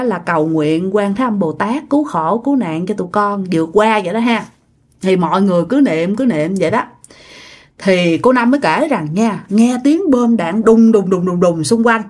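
Woman storyteller, chatty, animated narration. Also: on the high side. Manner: chatty and animated, with repeated words and regional fillers. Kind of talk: spoken ghost and spiritual story narration.

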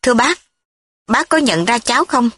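A woman's voice: a little high, lively intonation, normal speed, fairly bright tone, husky, pitched above the performer's own voice. A woman reading the lines of a polite, respectful young husband returning home in a recorded story.

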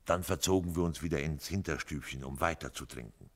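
A man giving an expressive, measured literary reading of a story for radio. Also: a bass voice. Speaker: reader. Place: radio studio.

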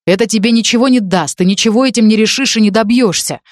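A woman reading a story, voicing a serious, calm young male student who speaks in a measured way. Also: a little high, no echo, studio quality, pitched above the performer's own voice, natural voice. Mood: stern. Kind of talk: audiobook character reading.

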